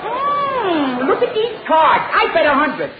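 A high, bouncy, goofy cheat of a professor, old muffled radio, echoey, loud hiss. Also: male voice, takes it slowly, over a noisy crowd, heavily acted. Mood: scheming. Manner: excitable, sing-song, cheating banter. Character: goofy cardsharp piano-playing professor, adult man. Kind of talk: 1930s radio comedy acting.

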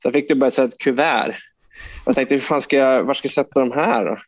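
A man's voice: mid-range voice, dull audio, a little hiss or hum. Rambling, swearing Swedish man telling stories. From Sweden. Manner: rambling, swears freely, many fillers. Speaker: hockey player guest. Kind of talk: casual anecdote telling.

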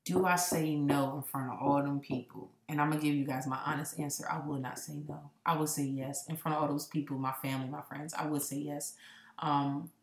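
Podcast co-host, woman, late twenties, deep voice, frank and thoughtful, roomy echo. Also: steady tone, brisk. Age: late 20s. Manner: candid, reflective, jokey. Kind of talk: casual chat.

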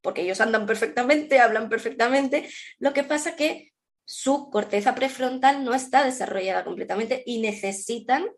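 A woman parenting coach, explaining calmly in conversation with the host. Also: a little high, moderate pace. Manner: explanatory, reassuring tag questions.

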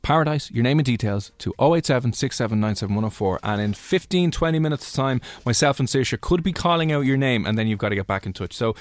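A man's voice: medium pitch, animated, fast, few pauses. A man with an Irish accent hosting a radio show and promoting competitions in a chatty, informal way. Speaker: radio host.

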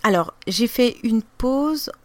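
A woman's voice: a little high, animated, slow pace, dry recording. French woman with a regional accent, chatty, lots of euh and restarts, laughs easy. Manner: loose and chatty, many fillers and restarts, laughs easily. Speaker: podcaster, interview guest. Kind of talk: casual interview chat.

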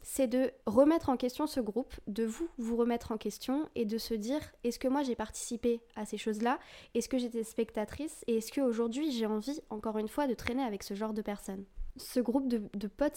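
Her voice runs on the high side with a dark tone. She's a podcast host from France, in her twenties, recounting her own life in a frank, confessional, filler-filled monologue.

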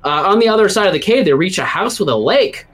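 A man's voice: high-pitched, big pitch swings, quick pace, fairly bright tone. A man acting as game master, narrating a tabletop game story and voicing its characters in quotes.

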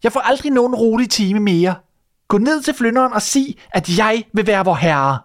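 A man voicing a greedy, domineering wife in a fairy tale reading, shrill and demanding. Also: very animated, darkish tone, dry recording, studio quality. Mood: furious.

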